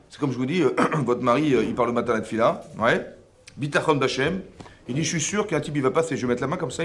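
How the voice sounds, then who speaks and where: A man, a rabbi giving a lively religious lesson to a women's class, full of rhetorical questions and checks on whether his listeners follow. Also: mid-range voice. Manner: animated, rhetorical questions, frequent checks on understanding. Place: seminary classroom.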